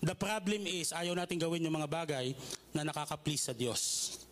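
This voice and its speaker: Male pastor, high voice, conversational sermon, light humorous storytelling, keeps checking in with listeners. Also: normal speed, fairly bright tone. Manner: conversational, with polite asides and frequent "okay?" checks; tells humorous stories.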